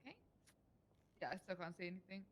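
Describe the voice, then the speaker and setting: A woman's voice: lowish voice, fast talker, slight background noise. A woman in a casual in-character roleplay chat, informal and brief, swearing casually.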